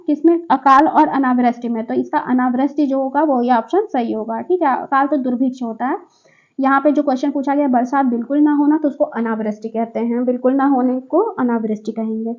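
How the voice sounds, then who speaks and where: A woman with a high voice works through an exam paper like a teacher, explaining each answer step by step. She keeps checking in with the listener as she moves along. The recording is dull and lo-fi. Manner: explains step by step, often adds "ठीक है".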